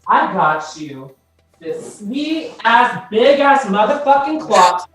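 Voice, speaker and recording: A man's voice: extremely high pitch, big pitch swings, slow pace, fairly bright tone, faint music behind. A man performs a crude roast in a campy, sassy way, and he swears freely. He is heard over a video call, and his voice carries a roomy echo. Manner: sassy, profane, campy delivery. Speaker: roast contestant.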